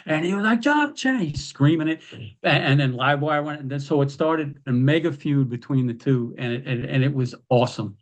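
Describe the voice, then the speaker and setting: An animated man recounts wrestling tales as a podcast guest. He tells it casually, in a middle-pitched voice, and leaps into quoted lines with a raised voice. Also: brisk. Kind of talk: casual storytelling.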